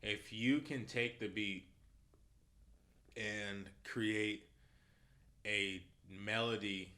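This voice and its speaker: A male musician guest in a casual podcast chat, telling lively stories and acting out what people said. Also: lowish voice, drawn-out words. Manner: animated storyteller, acts out quotes.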